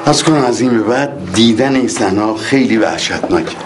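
A man's voice: on the low side, animated, over music. A man in a comedy sketch playing a stern uncle, boastful and commanding.

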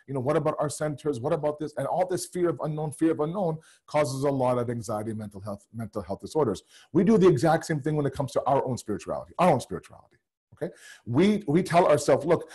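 Man preaching online, kinda husky and dark, lots of rhetorical questions. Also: medium pitch. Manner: earnest, rhetorical questions, acts out doubting voices. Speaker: religious lecturer. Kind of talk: sermon to online audience.

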